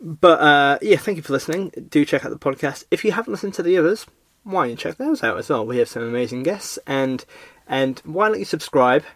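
A man's voice: fairly high pitch, expressive, brisk, a bit bright, no room sound. A hungover, sleepy man hosting a podcast in casual chat, hesitant, rambling and self-deprecating. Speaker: podcast host.

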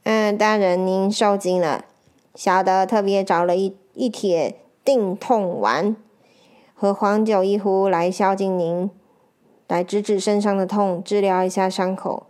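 A woman voicing a male jailer who flatters and wheedles a prisoner. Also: medium pitch, unhurried, natural voice. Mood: fawning.

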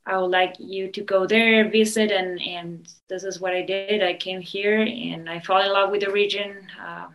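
A woman's voice: mid-range voice, a bit bright, poor audio. Hesitant woman from Argentina. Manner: hesitant, many ums and restarts. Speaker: winemaker guest. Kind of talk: interview answers.

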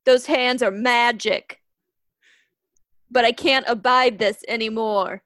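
A woman's voice: a little high, steady tone, takes it slowly, fairly bright tone, no echo. Woman doing a wounded, earnest business partner. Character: heartbroken male balloon-business partner. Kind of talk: improv comedy.

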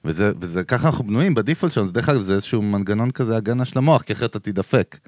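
A man's voice: lowish voice, expressive, a little mellow, no echo. A man co-hosting a podcast, musing in loose, rambling explanations. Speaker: podcast co-host. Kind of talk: casual chat.

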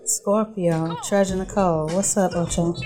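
A woman's voice: on the low side, steady tone, moderate pace, dark tone. A woman co-hosting a hip-hop show, upbeat and teasing in casual chat. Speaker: co-host.

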